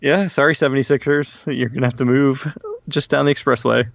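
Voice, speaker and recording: Gravelly-voiced joking man co-host. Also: mid-range voice, steady tone, a little fast, dry recording, dull audio. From Baltimore County, Maryland. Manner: jokey, laughs often. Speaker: podcast co-host. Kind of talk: casual chat.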